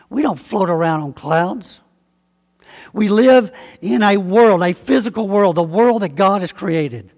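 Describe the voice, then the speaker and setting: Preaching a sermon with long reverb that evokes a big church, this Southern-accented man from Alabama has a high, husky voice. He keeps things folksy and conversational, easing off the pace to lean slowly and emphatically on important words.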